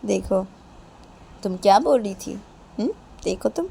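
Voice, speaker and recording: A woman voicing an excitable, bossy young woman in a storybook tale, talking loudly in rapid questions. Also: mid-range voice, creaky, slight background noise. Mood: teasing.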